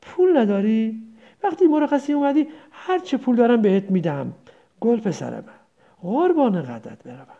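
On a dull lo-fi recording, a woman in a high-ish, sing-song, dark-toned voice takes on the role of an old village mother. The character is grieving, confused and doting, rambling tenderly as she laments her son.

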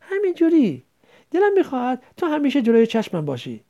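A woman's voice: high voice, huge pitch swings, mellow, voice pushed up, full character voice. A woman voicing a shy, affectionate teenage village girl who clings to her brother, in a read-aloud story. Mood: tender. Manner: tender, pleading.

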